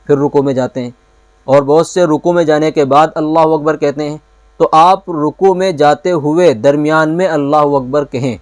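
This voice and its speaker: A man teaching as a mufti, giving a patient step-by-step religious lesson and reciting prayer phrases slowly and with care. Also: a little high, darkish tone, dry recording. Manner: patient, repeats key points, recites Arabic phrases slowly.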